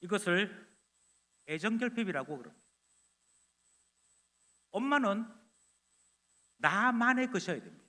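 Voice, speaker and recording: A man preaching a sermon loudly and energetically, acting out little scenes of dialogue. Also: high voice, unhurried, long pauses. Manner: animated, loud, acting out dialogue. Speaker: pastor. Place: church sanctuary. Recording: long church hall reverb.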